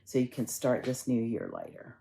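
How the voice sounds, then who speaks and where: Low-voiced woman minister, conversational. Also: wildly swooping pitch, normal speed, creaky, slight background noise. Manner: conversational storytelling, gently instructive. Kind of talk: sermon.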